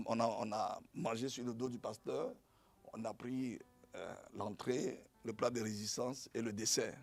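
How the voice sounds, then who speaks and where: A middle-aged male pastor preaching a sermon in a lively storytelling way, going from quiet asides to loud exclamations. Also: mid-range voice, vocal fry.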